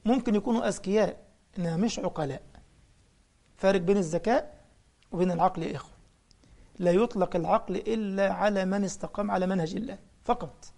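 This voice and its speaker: A man's voice: high-pitched, fast talker, creaky, pauses often, mellow. A man with an Egyptian accent preaching a colloquial religious lesson, telling anecdotes and firing off mocking rhetorical questions. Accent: Egyptian Arabic.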